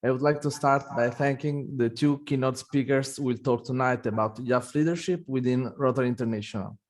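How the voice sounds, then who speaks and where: An Italian man hosting an online meeting reads a formal prepared welcome speech, restarting a few times. His medium-pitched voice is a little mellow and his pace fairly quick.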